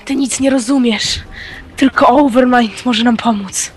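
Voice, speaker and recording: A performer voicing a former friend who now serves a dark lord as a fanatic, talking in a menacing, preachy way in a Minecraft role-play. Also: mid-range voice, fairly even intonation, measured pace, close to an everyday voice. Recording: game music playing behind.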